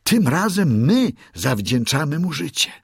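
Guy doing a thankful dad, higher voice, earnest. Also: sing-song, a little slow, creaky, breathy edge, no room sound, studio quality, full character voice. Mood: relieved. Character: relieved man of the house, grateful father.

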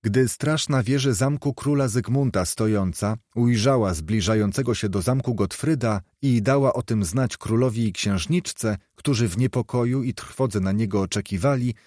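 A man narrating an old-fashioned fairy tale in a measured storytelling manner. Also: mid-range voice, darkish tone, no room sound, studio quality.

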